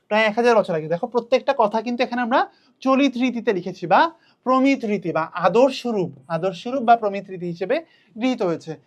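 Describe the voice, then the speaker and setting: A young adult woman with a Bangladeshi Bengali accent, teaching an online class and answering her own questions as she goes. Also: fairly high pitch. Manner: asks questions then answers them herself.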